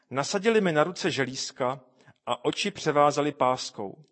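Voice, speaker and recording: Earnest man reading aloud, higher voice. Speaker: reader. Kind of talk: reading a first-person testimony aloud.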